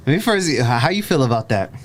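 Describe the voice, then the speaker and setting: His mid-range voice swings widely in pitch as he hosts a casual reaction chat at a fast clip, full of "like" and "yo" and plenty of restarts. There's a little hiss or hum.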